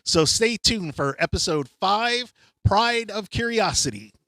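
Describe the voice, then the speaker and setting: A man's voice: high-pitched, expressive, measured pace, sharp tone, no room sound. A man in his fifties hosting a podcast from a shop studio, telling a personal story in a candid, reflective way with many ums and uhs. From Hartford, USA. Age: 50s. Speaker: podcast host.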